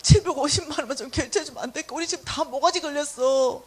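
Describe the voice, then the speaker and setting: A woman's voice: high-pitched, quick pace, close to an everyday voice. A woman doing a frantic hotel manager. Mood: pleading. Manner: desperate, whiny pleading. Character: frantic middle-aged male hotel manager, pleading.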